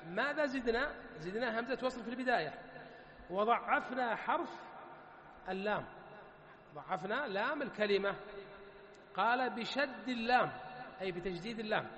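A man teaching a grammar lesson, drawing words out slowly and asking questions he then answers himself. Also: very high voice, fairly bright tone, echoey room, in a large hall. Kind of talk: classroom lecture on morphology.

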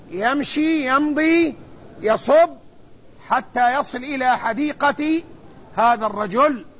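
A man with a strikingly high voice preaches a religious sermon, taking his time over each phrase. He repeats key lines with solemn weight. The recording is dull and lo-fi, with faint noise underneath. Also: fairly bright tone. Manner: slow, measured delivery with solemn repetition.

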